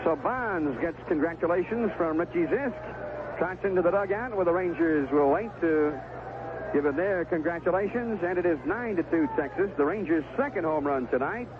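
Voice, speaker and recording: Calling the ballgame live at a normal pace, this American radio announcer has a slightly high voice and a vividly swooping, animated delivery built from brief, chatty phrases. The audio is a noisy, tinny 1970s AM radio recording with a thin, phone-like quality.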